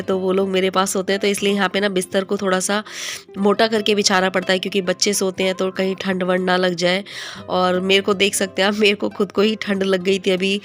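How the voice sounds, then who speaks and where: A woman in her thirties from India with a hoarse voice from a cold, chatting to her viewers about home life in a casual vlog. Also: mid-range voice. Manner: chatty, homely, talking straight to her viewers. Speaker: vlogger.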